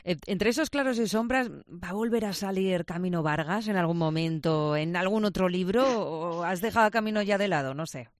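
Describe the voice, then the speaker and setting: A woman's voice: lowish voice, fairly quick, few pauses, dry recording, studio quality. A woman radio host interviewing an author in a friendly, upbeat manner.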